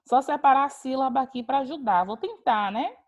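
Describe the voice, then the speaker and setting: A woman's voice: high-pitched, animated, fairly quick, darkish tone, dull audio. A woman teaching an online class, calling on students by name and praising their answers. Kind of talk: online class on a video call.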